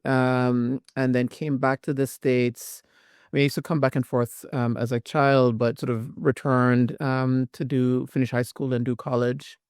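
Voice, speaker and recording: A man who grew up in Jamaica, a professor speaking as an interview guest in a thoughtful way, with frequent pauses. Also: mid-range voice, level tone, a little mellow, clean tone, no echo, studio quality. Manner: thoughtful, many "um" fillers. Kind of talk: academic interview.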